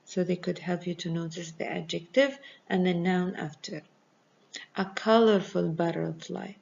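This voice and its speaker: Woman teacher, gravelly voice, slow patient explainer, lo-fi lesson recording. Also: fairly low pitch, a little mellow. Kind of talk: recorded grammar review lesson. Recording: dull lo-fi recording.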